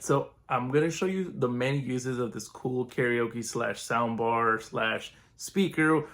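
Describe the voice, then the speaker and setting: A man giving a relaxed, chatty product review at home, walking through features. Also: mid-range voice. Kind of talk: casual unboxing review.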